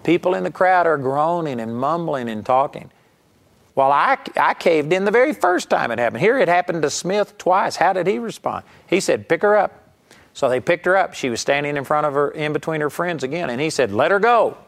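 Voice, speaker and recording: A man's voice: on the high side, expressive, a little fast, creaky. A middle-aged man preaching a sermon, telling stories emphatically and acting out raised voices. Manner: emphatic storytelling preaching, acting out quoted shouts.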